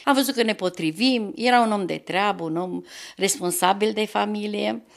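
An older woman in her sixties with a gravelly, creaky voice tells her faith story in an interview. She speaks earnestly and devoutly, and her voice climbs at the emotional peaks. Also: mid-range voice. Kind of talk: emotional personal testimony.

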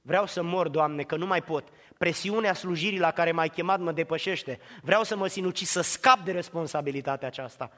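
A worn-out prophet, begging and broken, with his voice low and weary, as a preacher acts him out. The voice is bright and high, and it rings through a reverberant hall. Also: few pauses, lightly acted. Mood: despairing. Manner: pleading, weary lament. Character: despairing prophet, worn out, wanting to die.

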